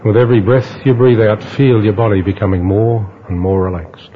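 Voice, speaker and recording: A man guiding a relaxation exercise in a slow, hypnotist-like manner, with long pauses between instructions. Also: lowish voice, fairly even intonation. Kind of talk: guided relaxation narration. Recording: dull lo-fi audio with faint noise.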